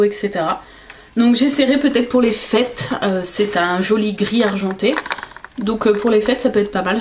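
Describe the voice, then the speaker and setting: A woman's voice: medium pitch, darkish tone, a little hiss or hum. A woman vlogger chatting casually while unboxing gifts, hesitant and full of fillers. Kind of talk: casual gift unboxing vlog.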